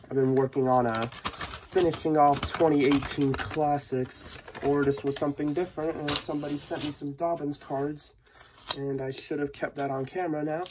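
A man with a stuffy, sniffling head cold hosts a casual unboxing vlog, talking with mild excitement. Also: a little high, a little hiss or hum. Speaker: host of a sports card unboxing channel. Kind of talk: casual mail-day vlog narration. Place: indoor room at a tabletop.

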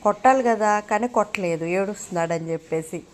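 A woman's voice: mid-range voice, fairly quick, a little hiss or hum, poor audio. A woman in her thirties with a Telugu accent, a mother vlogging at home, questioning her child sternly and explaining things to viewers. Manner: stern, questioning, rising to loud scolding. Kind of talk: home vlog, scolding child and addressing viewers.

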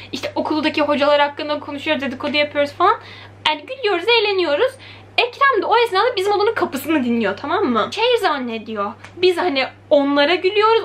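A young woman telling a story in a casual vlog, animated and chatty, acting out quoted lines. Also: high-pitched. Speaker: vlogger. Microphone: camera mic.

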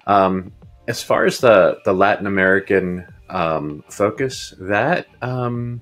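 A Uruguayan futurist in his fifties, appearing as a guest, gives long, rambling casual interview answers full of ums, fillers and restarts. His voice is low and slow with a slightly bright tone, and he's on a video call with earbuds from his home office, faint music playing behind him.

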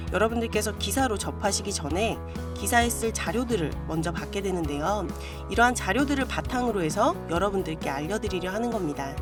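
A woman with a mid-pitched voice narrates over clearly audible background music. She delivers a scripted promotional pitch as a video host, earnest and persuasive as she speaks straight to her viewers.

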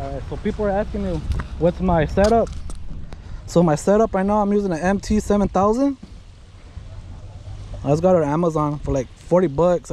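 A man's voice: high-pitched, a little mellow. A man in his thirties vlogging while driving and fishing from a pier, rambling and chatty as he talks to his viewers. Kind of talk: casual vlog narration. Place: outdoors, driving then on a waterfront pier. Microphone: action camera. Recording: action camera audio with clear outdoor noise.

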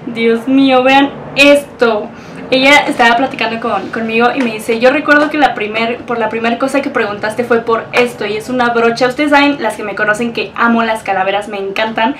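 A woman's voice: a little high, brisk, fairly bright tone, a little hiss or hum. Gushing Mexican woman, slightly distant mic. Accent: Mexican Spanish. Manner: gushing, emotional, exclamatory. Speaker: beauty vlogger. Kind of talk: unboxing vlog.

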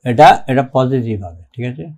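A man teaching English grammar in a recorded lecture, reading rules aloud slowly and keeping checking that the class follows. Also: medium pitch, warm tone. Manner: slow and deliberate, reads English rules aloud, keeps checking "ঠিক আছে?".

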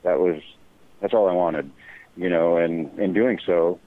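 A man calling in as an interview guest, speaking in a halting, defensive way with many fillers. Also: deep voice, no room sound. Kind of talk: live call-in interview. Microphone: phone call. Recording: tinny phone line.

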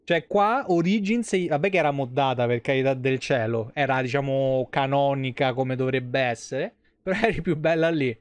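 A game streamer in his thirties with a Roman Italian accent commentates casually on live gameplay in slangy, rambling talk. His voice is fairly high and clean in tone, and the recording is dry.

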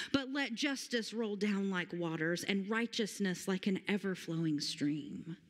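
Woman pastor in her 30s preaching, earnest and emphatic, church hall echo. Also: a little high. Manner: earnest, emphatic scripture reading with slow stressed phrases. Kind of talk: sermon. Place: large church sanctuary stage. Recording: long hall reverb.

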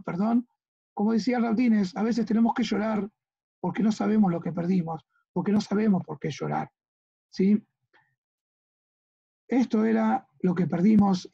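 An earnest rabbi with an Argentine accent teaches a religious lesson, pausing to ask whether his listeners follow. His voice is mellow and a little husky. The recording is dry and slightly dull. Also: high voice. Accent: Argentine Spanish.

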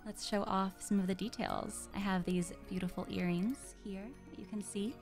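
A woman's voice: medium pitch, fairly even intonation, moderate pace, creaky, loud music behind the voice. A woman streaming in character as a demon monarch, talking in a playful, teasing, giggly way.

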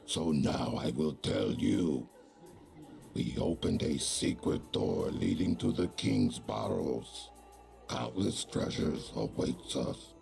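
An actor playing a brutal, sneering orc chieftain in a fantasy game, guttural and menacing, in broken old-fashioned English. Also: male voice, a bass voice, very animated, slow, darkish tone, soft background music, heavily acted. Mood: grudging, fierce. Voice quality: very gravelly, guttural. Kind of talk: scripted fantasy game dialogue.

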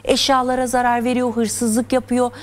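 Higher-voiced woman explaining on a talk show. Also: little pitch movement, moderate pace. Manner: earnest, lecturing, explains step by step. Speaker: guest psychologist. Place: television studio.

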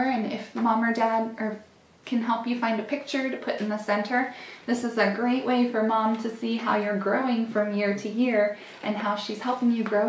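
A young woman giving a gentle, encouraging Bible lesson to children, seated at a table in a small room. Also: on the high side, recorded from a distance, a little hiss or hum. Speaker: children's church teacher. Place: small indoor room, seated at a table before a plain wall. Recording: echoey room.

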